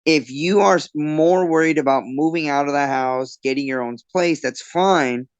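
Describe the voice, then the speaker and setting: A man's voice: fairly high pitch, normal speed, clean tone, dry recording, dull audio. A man, a fighter and bartender, telling stories in a casual interview, loose and rambling with lots of fillers and restarts.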